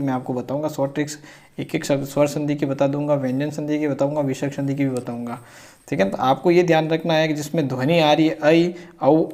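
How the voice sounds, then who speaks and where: Higher-voiced man teaching slowly. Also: a little mellow. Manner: explains slowly, repeats points, asks and answers his own questions. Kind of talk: classroom grammar lesson.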